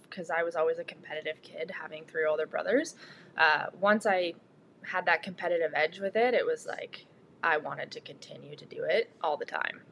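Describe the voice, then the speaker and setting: A woman's voice: on the low side, a bit bright, slight background noise. A young woman with a Canadian accent, a student athlete answering interview questions casually as a guest. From Ontario, Canada. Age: young adult.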